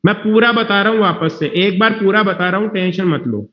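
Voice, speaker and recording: A man's voice: high voice, fairly quick. Reassuring man teaching in an echoey classroom. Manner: reassuring, repeats himself, checks whether students follow. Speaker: biology teacher. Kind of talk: classroom lecture. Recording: dull, echoey classroom recording.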